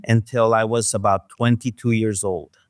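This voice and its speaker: A man from Mexico, a guest in an interview, talking in a soft, hesitant way with many fillers. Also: on the low side, steady tone, normal speed, dry recording, studio quality. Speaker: guest, restaurant owner. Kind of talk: casual interview talk.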